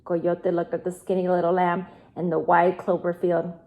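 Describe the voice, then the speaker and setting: A woman teacher reading a picture book aloud to her class, gentle and clear. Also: fairly low pitch, monotone, normal speed. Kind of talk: read-aloud storytelling.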